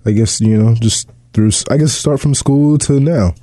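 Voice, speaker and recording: Mellow-voiced man asking casual questions. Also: medium pitch, moderate pace, dry recording. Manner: curious, casual questioning with slang. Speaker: interviewer. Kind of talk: casual interview.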